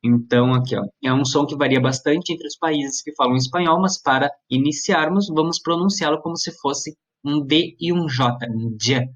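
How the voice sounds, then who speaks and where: In a recorded classroom lesson at a Brazilian school, a male teacher from southern Brazil guides students step by step, patiently checking in as he explains. His voice is on the high side and a bit bright, at a moderate pace with few pauses.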